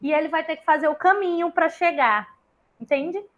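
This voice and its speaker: A woman's voice: very high-pitched, normal speed, a bit bright. A woman, a tutor talking parents through teaching activities in a chatty way, giving examples and checking in with tag questions. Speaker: literacy tutor leading a parent meeting. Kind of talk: online group session, casual explanation.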